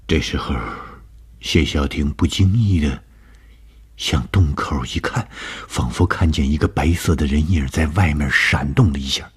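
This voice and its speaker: A man narrating a ghost story for radio in a slow, measured, dramatic reading. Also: very deep voice, husky.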